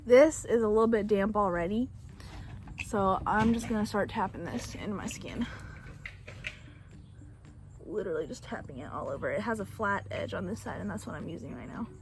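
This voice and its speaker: A young Bulgarian-native beauty vlogger chats casually through a makeup tutorial on her back porch, filmed on a phone camera. Her medium-pitched voice moves at a moderate pace with frequent pauses, and her manner is rambling and self-deprecating.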